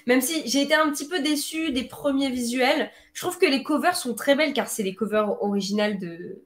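A woman's voice: high-pitched, a little fast. A woman chatting on an online podcast, talking freely with many fillers and small restarts. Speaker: podcast panelist. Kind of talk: casual online chat. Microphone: home computer mic on a video call.

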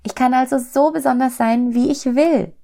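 A woman's voice: mid-range voice, sing-song, measured pace, creaky, dark tone, pitched above the performer's own voice, full character voice. A woman voicing a small, curious and cheeky childlike soul in a storybook reading. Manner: eager, pleading, wondering.

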